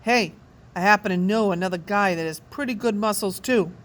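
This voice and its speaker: A woman's voice: mid-range voice, fairly quick, natural voice. A cocky schoolboy who plays it cool, keeping his words offhand and easy, as a woman reading a storybook voices him. He sounds sly and pleased with himself. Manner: offhand, laid-back.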